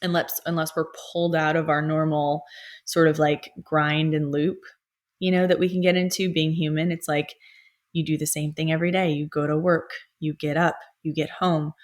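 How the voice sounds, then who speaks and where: A young woman talks in a low, even voice, drifting through a soft spiritual monologue. She wanders between thoughts, leaning on fillers and pauses as she muses from home. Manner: soft, meandering, many fillers. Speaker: astrologer and healer.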